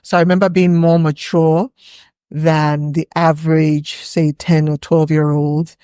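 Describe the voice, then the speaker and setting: A woman's voice: deep voice, flat delivery, unhurried, dark tone, clean tone, no room sound, clean studio sound. A woman from Nigeria with a Nigerian accent, a podcast guest reflecting on her past in casual conversation. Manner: reflective, recalling memories at an easy pace. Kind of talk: casual interview chat.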